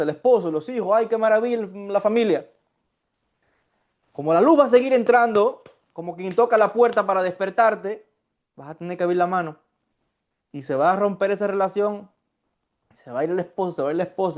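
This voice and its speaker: Male Kabbalah teacher with a high voice, animated and repetitive, acting out sighs, on dull lo-fi audio. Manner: animated, acts out sighs and mock crying, repeats phrases. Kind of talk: lecture.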